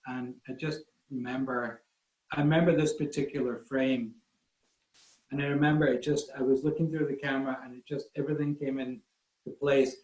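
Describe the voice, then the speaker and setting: Slightly high and a touch mellow, the voice belongs to a man from Scotland speaking with a Scottish accent. He is a guest photographer at a relaxed online talk, spinning meandering, self-mocking tales, and the sound echoes around the room.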